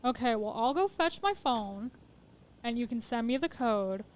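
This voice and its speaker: A woman's voice: on the high side, lively intonation, normal speed. A woman streaming a game and chatting casually, playfully teasing her co-player. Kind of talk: casual gaming chat.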